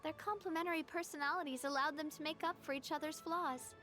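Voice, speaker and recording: Fast and sharp, a high female voice with fairly even intonation delivers frank, easygoing lines in a game cutscene. The actress plays a confident young heiress who leads the organization her late father left behind, and faint music sits under the game audio.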